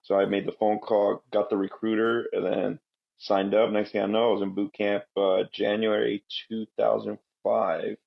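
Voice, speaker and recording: With a lowish voice, flat delivery and vocal fry at normal speed, this man rambles through stories in a relaxed podcast interview. He's in his thirties, a Marine veteran from Guatemala who grew up in Southern California, and the sound is lo-fi.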